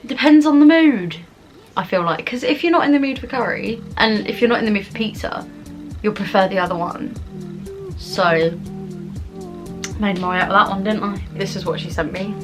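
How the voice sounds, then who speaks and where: A woman's voice: mid-range voice, normal speed, pauses often, music in the background. A young adult woman with a southern English accent chats casually in a rambling, informal mukbang vlog. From England, Kent. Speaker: vlogger answering viewer questions.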